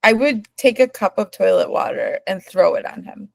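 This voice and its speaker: A woman's voice: mid-range voice, sing-song, normal speed, creaky, no echo. A woman co-hosting a casual podcast, giving laid-back, thoughtful opinions. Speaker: podcast co-host. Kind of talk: casual recap chat.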